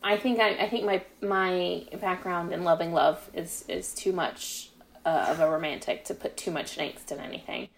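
The audio is poor as a woman with a fairly low, vocal-fried voice talks at a moderate pace with fairly even intonation. Interviewed as a guest author on a casual podcast, she chats and explains things tentatively, thinking aloud.

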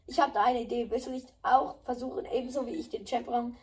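A woman's voice: on the high side, steady tone, fast talker, darkish tone, distant mic, close to an everyday voice. A woman doing a bubbly eager schoolgirl. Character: cheerful eager schoolgirl champion. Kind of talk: dubbing game dialogue.

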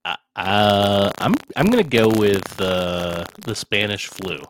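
A man with a low voice speaks slowly, giving short, dry replies as a podcast co-host. A faint hiss of noise sits under his voice. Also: animated. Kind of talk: casual sports chat.

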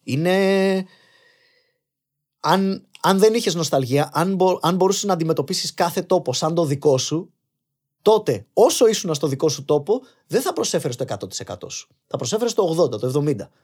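A young man in casual podcast conversation, arguing his points with animated energy and slipping in English phrases. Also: on the high side. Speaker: podcast guest.

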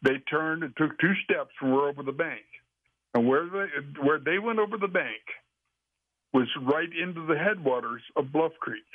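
A man telling a long story as an interview guest, rambling and halting with frequent restarts. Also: fairly high pitch, no echo. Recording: dry, tinny phone line.

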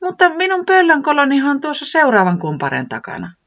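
Kindly storybook owl, put on by a narrator, reassuring, gently teasing, lively raised voice, slightly lo-fi. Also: sits high, pitched above the performer's own voice, full character voice. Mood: amused. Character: kindly helpful owl, calm and caring.

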